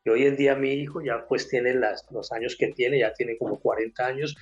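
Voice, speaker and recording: A man's voice: medium pitch, steady tone, normal speed, dull audio. An older man with a Colombian accent, giving an emotional personal faith testimony and acting out the people in his story.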